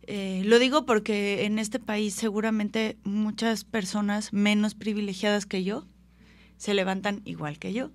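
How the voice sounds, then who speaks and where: A woman's voice: medium pitch, fairly even intonation, a little slow. Woman host asking probing questions. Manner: probing, personal follow-up questions. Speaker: interview host. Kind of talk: conversational interview questions.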